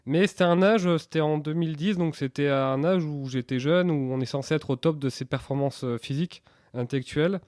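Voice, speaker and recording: A man's voice: on the high side, a little fast, a little mellow, dry recording, clean studio sound. A man, giving candid interview answers earnestly and hesitantly, often repeating words mid-sentence. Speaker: interview guest, entrepreneur.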